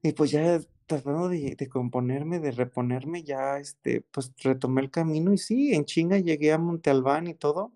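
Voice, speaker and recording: A man with a Mexican accent telling a story in casual chat, excited and slangy, often repeating exclamations. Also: a little high, normal speed, hardly any pauses. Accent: Mexican Spanish.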